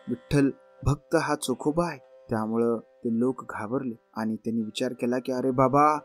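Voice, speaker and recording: Man explaining and reciting devotional verse. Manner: recites verses slowly and dramatically, rises in pitch for questions. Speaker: podcast host, lecturer on saint poetry.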